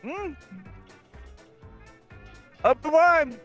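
A young man playing a video game with a friend, making crude jokes and yelling at the screen. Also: very high-pitched, animated, extremely slow, dull audio, soft background music. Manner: crude joking banter, goofy shouts. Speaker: gamer. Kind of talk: casual gameplay commentary.

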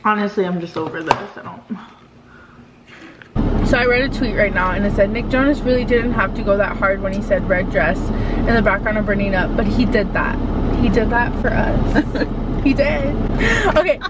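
A woman's voice: mid-range voice, normal speed, pauses often. A woman chatting casually to her camera in a vlog, giggling and laughing often as she talks. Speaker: vlogger. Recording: echoey room with loud noise.

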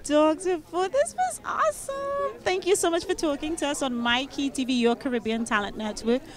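Holding a handheld mic at an outdoor red carpet event, a young entertainment interviewer gushes playfully. She speaks at a moderate pace in a high, expressive voice. The crowd's noise and chatter can be heard around her.

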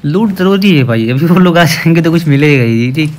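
A man's voice: fairly high pitch, animated, a little fast, darkish tone. Casual male gaming commentator. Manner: casual, explanatory, addresses viewers as "bhai". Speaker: gaming channel host.

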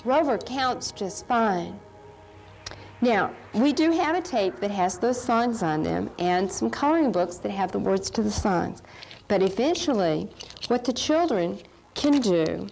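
A woman's voice: medium pitch, a little mellow. A middle-aged woman presenting a simple children's math lesson, putting questions to the viewer as she demonstrates. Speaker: math teacher presenting an instructional video.

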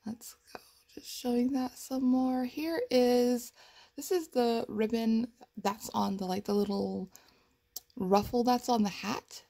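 A young woman, a cosplay vlogger, casually walks through her progress photos from her home computer, laughing and rambling as her voice cracks slightly. She talks at a slow pace in a steady tone, her slightly high voice gravelly yet warm.

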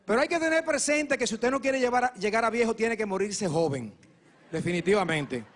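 A man in his thirties performing a stand-up comedy routine, telling jokes in a lively way and acting out the people in them. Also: sits high, fairly quick. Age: 30s. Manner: lively joke-telling, acting out characters' lines.

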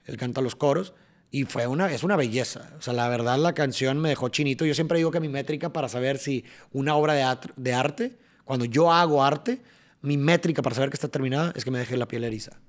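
A young man with a Mexican accent, a podcast guest explaining things in a casual, animated way, sometimes tapping out rhythms. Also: mid-range voice, a little fast.

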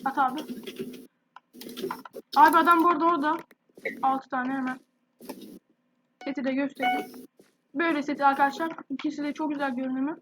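High pitched woman gamer, sore scratchy throat, chatty, hissy home mic. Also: fairly even intonation, a little fast, pauses often. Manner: chatty, addresses viewers directly. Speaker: gaming youtuber. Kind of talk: casual gameplay commentary.

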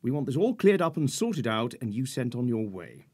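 An actor playing a pompous, fussy middle-aged lawyer in a period radio drama, formal and precise about legal procedure. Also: male voice, mid-range voice, very animated, moderate pace, darkish tone, breathy edge. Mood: stern. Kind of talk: 1940s-set radio drama acting.

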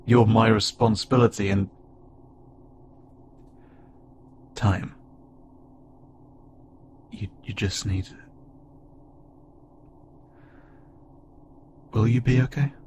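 In an intimate audio roleplay addressed to the listener, a man voices an awkward, gentle, insect-like alien pilot who calls himself a loner. Worried and unsure, he speaks hesitantly, stammering and doubting himself, in a low, natural, steady voice over a clearly noisy ambient sound bed.

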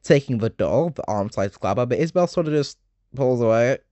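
A young man in his late teens narrating a game summary video essay, chatty and full of joking asides with dark humor. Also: mid-range voice, expressive, a little fast, no room sound.

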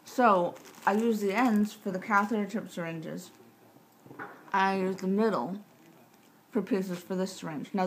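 A woman's voice: mid-range voice, poor audio. A woman in her thirties chatting casually to the camera with tight-jawed speech, rambling and matter-of-fact as she interrupts herself. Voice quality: tight-jawed speech from recent jaw surgery. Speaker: vlogger sharing surgery recovery tips. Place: small living room, indoors. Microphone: camera mic at about arm's length. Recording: clear background room noise.

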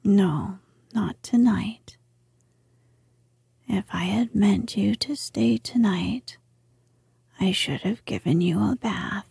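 A woman's voice: mid-range voice, vocal fry, slightly rough, no echo, heavily acted. A woman whispering as a wise old grandmother. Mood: gentle assurance. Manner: slow hushed whisper. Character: ancient wise grandmother lady, gentle and calm. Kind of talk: whispered storybook reading.

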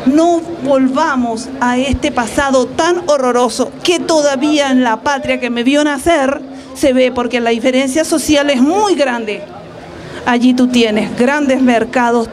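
A woman's voice: high-pitched, a little mellow. An older woman from Chile with a Chilean Spanish accent, making an earnest, pleading public appeal into handheld mics in an outdoor plaza. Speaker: guest speaking on street radio. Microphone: several handheld mics at her mouth. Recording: crowd noise around.

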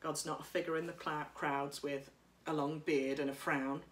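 A woman priest giving a sermon at home, speaking in a gentle, reflective way while reading from notes, recorded by a camera across a room. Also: sits low, level tone, normal speed, echoey room. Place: living room by a bright window.

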